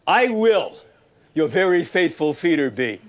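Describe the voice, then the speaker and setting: Man playing a hammy, high-toned humble old shepherd. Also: big pitch swings, measured pace. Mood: kindly. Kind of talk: stage Shakespeare acting.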